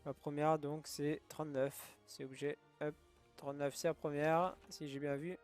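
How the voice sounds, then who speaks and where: A man's voice: a little high, flat delivery, moderate pace, faint music behind. A man doing casual let's play commentary, thinking aloud, often laughing. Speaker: gaming youtuber.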